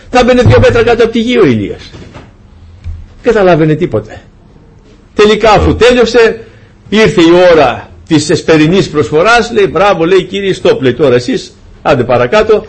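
A man preaching a sermon, retelling a scripture story in lively, humorous fashion and acting out the dialogue. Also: high-pitched.

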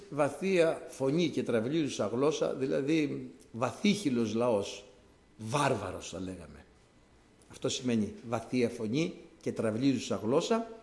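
A man's voice: mid-range voice, a little mellow, reverberant. A man preaching a sermon to his congregation, explaining scripture conversationally and repeating key words for emphasis.

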